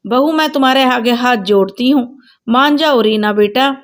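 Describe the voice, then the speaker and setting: A woman voicing a gentle older mother-in-law in a storybook tale, speaking softly and apologetically. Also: a little high, moderate pace, natural voice. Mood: pleading. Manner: soft, pleading, apologetic.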